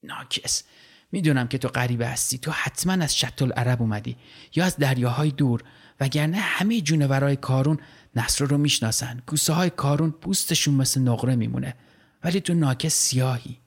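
A man's voice: medium pitch, breathy edge. A man voicing a boastful, fierce male river fisherman who taunts his prey in a storybook reading. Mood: strained.

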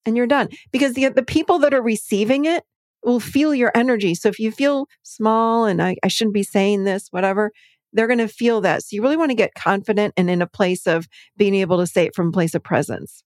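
Animated woman therapist, very dry sound. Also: a little high, a little fast, no room sound. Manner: animated, acts out clients' quotes in livelier voices. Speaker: therapist and podcast guest. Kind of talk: conversational interview.

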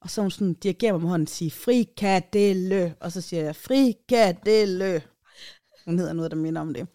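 A woman's voice: deep voice, steady tone, dark tone, dry recording, clean studio sound. A woman from Denmark, a podcast co-host, telling a story in casual chat and acting out the quotes of the people in it with changed voices.

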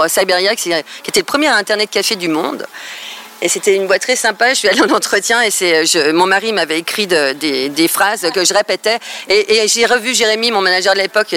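A woman chatting as a guest, speaking hesitantly with frequent pauses to search for words. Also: mid-range voice, bright, forceful tone. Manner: hesitant, many "euh" and restarts. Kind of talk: casual chat.

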